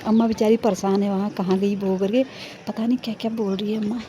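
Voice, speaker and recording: A woman's voice: mid-range voice, steady tone, quick pace, warm tone, slight background noise. A woman vlogger giving a playful, giggly running commentary to her viewers while filming outdoors on a rooftop. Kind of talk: casual vlog commentary.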